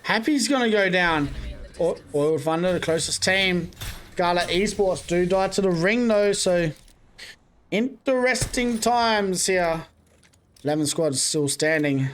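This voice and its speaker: A man's voice: high-pitched, animated, fairly bright tone. A young man doing casual live play-by-play commentary on an esports match. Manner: quick, running play-by-play with casual asides. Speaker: esports caster.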